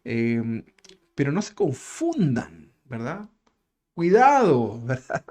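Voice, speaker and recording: A man preaching a sermon in a relaxed, conversational way, chuckling as he tells a story and tagging his phrases with questions. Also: medium pitch, slow pace. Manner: conversational, tag questions after nearly every phrase; chuckles while telling a story.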